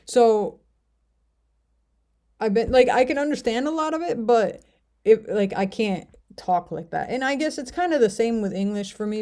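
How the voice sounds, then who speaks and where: A casual to-camera vlog from an American language learner vlogger based in the United States. Her voice sits at medium pitch with a warm tone, and she rambles along hesitantly, using many fillers.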